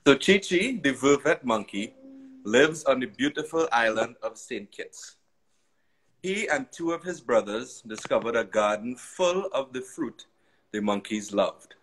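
A man narrating a children's story aloud in an expressive, sing-song way. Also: mid-range voice, a little slow, slight background noise, low-quality recording.

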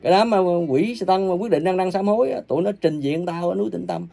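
A man preaching an angry, ranting sermon, cursing and scolding his listeners with coarse insults, his volume swinging from loud bursts to low mutters. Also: fast, vocal fry, soft background music. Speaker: self-proclaimed religious preacher.

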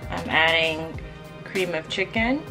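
In her home kitchen, a woman narrates a casual vlog, chatting as she walks viewers through a recipe. Her voice sits low and slow, and music plays in the background.

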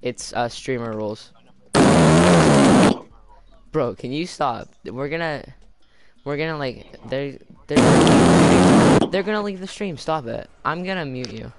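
A man streaming a party game with friends, joking around and laughing often in loose, excitable banter. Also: mid-range voice, takes it slowly, creaky, pauses often. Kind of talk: casual gaming banter. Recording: loud background noise.

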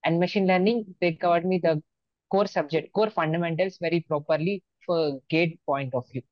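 A man's voice: on the high side, normal speed, no echo. A man in his early twenties, a native Telugu speaker with a Telugu Indian accent, answering interview questions on a lo-fi video call. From Andhra Pradesh, India. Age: early 20s. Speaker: student exam topper being interviewed. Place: small plain room indoors. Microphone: wired earphones on video call. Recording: dull lo-fi video-call audio.

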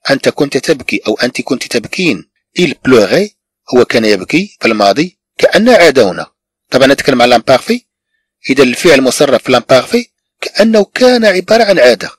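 A man with a Moroccan accent teaching a language lesson, patiently repeating phrases and breaking them down slowly. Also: medium pitch, slightly rough, no room sound. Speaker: French teacher.

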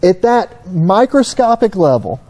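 A man's voice: sits high, sing-song, a little slow, mellow. A middle-aged man with a Southern US accent, explaining engine surfaces at a whiteboard in a folksy, storytelling way. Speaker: engine consultant.

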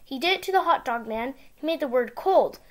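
In a small room lined with bookshelves, a high-pitched woman reads a picture book aloud to young children at a fairly quick pace. Her storytelling is simple and expressive, recorded on a device mic.

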